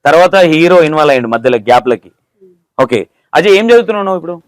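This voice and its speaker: A man's voice: on the high side, animated, very fast, no room sound. A man with a Telangana accent conducting a casual interview, asking teasing, playful questions. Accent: Telangana Telugu.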